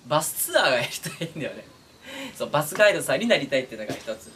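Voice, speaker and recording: A young man who makes voice-acting content chats casually with his viewers, talking very fast in a voice on the high side. He's animated and informal, chuckling between phrases. The mic sits at a distance, so the recording is noisy with clear background noise.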